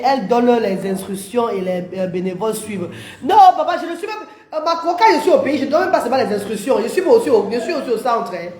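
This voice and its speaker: A livestream host with a fairly high, slightly mellow voice chats animatedly with viewers as she reads their comments. She laughs often and refers to them as maman and papa. The recording has an echoey room sound.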